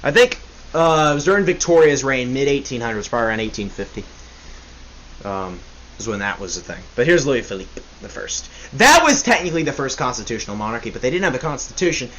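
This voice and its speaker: A man's voice: mid-range voice, sing-song, quick pace, a bit bright, highs cut off. Rambling, joking young man host. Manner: rambling, joking, self-correcting. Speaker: podcast host. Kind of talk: casual history chat. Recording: faint hiss.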